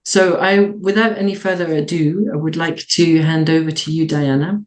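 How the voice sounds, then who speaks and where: A webinar host introducing a guest speaker over a video call, reassuring and unhurried with a few fillers. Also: mid-range voice, steady tone, rough recording.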